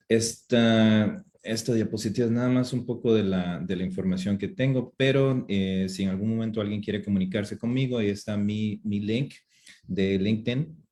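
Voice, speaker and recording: A man from Costa Rica giving a webinar lecture from a home office, talking haltingly with many fillers and restarts. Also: on the low side, mellow. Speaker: webinar speaker. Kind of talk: lecture presentation. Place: home office with two screens.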